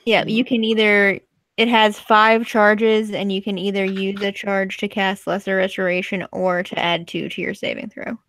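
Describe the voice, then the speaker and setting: A woman's voice: medium pitch, flat delivery, moderate pace, fairly bright tone. A woman playing in a tabletop game, chatting casually and laughing easily. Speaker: player.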